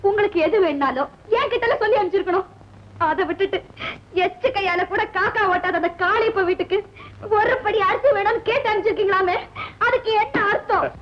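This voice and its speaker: A woman's voice: very high voice, brisk, slight background noise. An actress playing an affectionate young village woman who scolds her mentor tearfully. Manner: tearful, reproachful, then firm. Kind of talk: 1970s film acting. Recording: muffled old film soundtrack.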